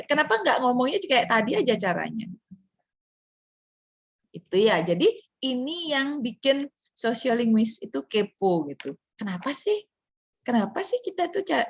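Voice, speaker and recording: A woman's voice: on the high side, gravelly, slightly rough, dry recording, clean studio sound. A woman giving a casual lecture, chatty, asking rhetorical questions and acting out short examples.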